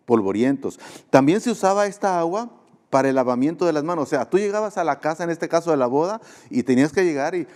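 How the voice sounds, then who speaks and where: A man's voice: a little high, darkish tone. A man pastor with a Mexican Spanish accent, preaching a sermon in an earnest, conversational way with emphatic repetition. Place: church sanctuary. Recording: long church hall reverb.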